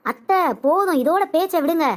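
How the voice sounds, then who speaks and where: A woman voicing a calm young niece in a comedic cartoon, reasoning and soothing to end a quarrel. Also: very high-pitched, normal speed. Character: calm young niece trying to keep peace.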